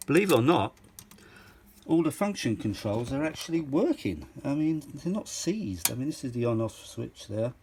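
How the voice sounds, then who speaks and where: A middle-aged or older man shows off a vintage audio machine in loose, unscripted chat, wandering, exclaiming and saying things twice to stress them. His medium-pitched voice is a little mellow, with a faint hiss or hum in the background.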